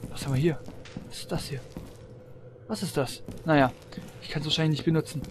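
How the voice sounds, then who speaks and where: Guy with a pretty high voice narrating his gameplay, chatty, exclaims a lot, la-la-ing while shooting. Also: fairly even intonation, fairly quick, background noise. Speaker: let's player. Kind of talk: gameplay commentary.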